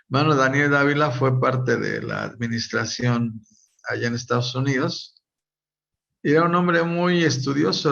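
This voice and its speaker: A man teaching a Bible study, speaking in a halting way with many pauses and fillers and calling his listeners brothers. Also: mid-range voice, gravelly, fairly bright tone, dull audio.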